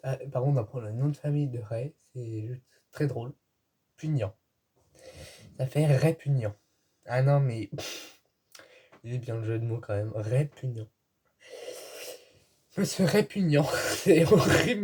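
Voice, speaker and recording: Male video reviewer, soft husky tone, casual rambling delivery, home setup. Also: medium pitch. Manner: rambling, chatty, hesitant. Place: indoors at home, dim light.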